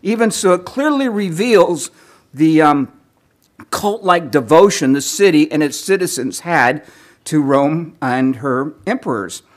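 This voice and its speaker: A man's voice: fairly high pitch, expressive. Man preaching a teaching sermon. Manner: measured lecturing with occasional throat clearing. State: losing his voice.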